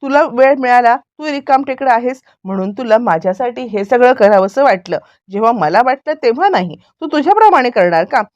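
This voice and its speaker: A woman's voice: fairly high pitch, animated, brisk, few pauses, darkish tone, no room sound, lo-fi sound, close to an everyday voice. A woman reading the lines of an irritated, defensive young woman in a serial recap. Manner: irritated, argumentative.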